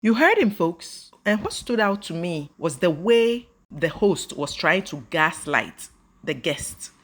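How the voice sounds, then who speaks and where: A woman from Ghana hosts a reaction commentary in a fairly low voice. She sounds exasperated and keeps breaking into scornful little laughs between her points. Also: big pitch swings, slow pace. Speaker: commentary channel host.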